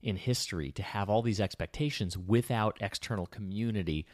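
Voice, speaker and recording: A man with a lowish, brisk voice, recorded with no echo, co-hosts a podcast and also speaks publicly. In casual chat he thinks out loud and often restarts his sentences midway.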